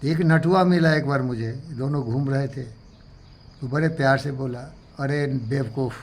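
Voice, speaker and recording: A man giving an emphatic, moralizing talk to a gathering, preachy, with sudden loud outbursts. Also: mid-range voice, a little slow. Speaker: speaker addressing a gathering. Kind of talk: moralizing motivational speech.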